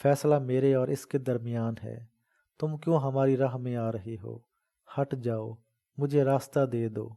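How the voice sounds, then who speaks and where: A man's voice: medium pitch, fairly even intonation, vocal fry, mellow, lightly acted. A man voicing a fierce, protective old village mother in a dramatic audiobook reading, talking fervently and scolding. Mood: fierce defiance.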